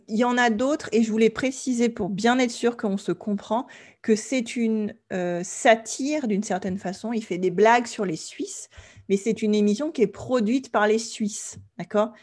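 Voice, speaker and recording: A woman's voice: medium pitch, a little mellow. Patient French woman teaching online. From France. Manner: clear, patient explaining, often checks with "d'accord?". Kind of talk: online class lesson.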